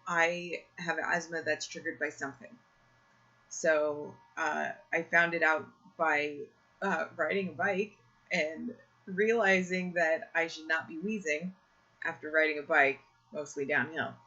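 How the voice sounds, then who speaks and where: A rambling podcast host in casual chat, voice a little strained from an irritated throat. The tone is bright and forward. The home computer mic sounds dull and muffled. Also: medium pitch, steady tone, unhurried. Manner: rambling, self-correcting. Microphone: own computer mic, live video call.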